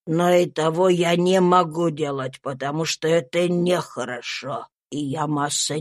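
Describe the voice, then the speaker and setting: A meek, devout man, played by a woman reader speaks low and hushed in this storybook. He is respectful and pleading, yet firm. The recording is dry and close. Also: no echo. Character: meek, devout enslaved man, gentle but unbending.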